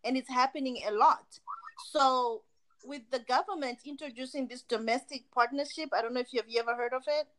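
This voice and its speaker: Lively woman from Zimbabwe, chatting. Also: high voice, low-quality recording. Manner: animated, laughing, quick asides. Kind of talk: casual conversation.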